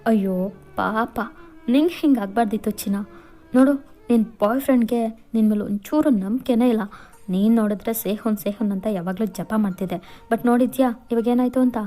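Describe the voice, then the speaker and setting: A woman's voice: fairly high pitch, brisk, warm tone, faint music behind, close to an everyday voice. A woman voicing a smug young man who teases and coaxes, in a storybook-style fan fiction reading. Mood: teasing. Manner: teasing, coaxing.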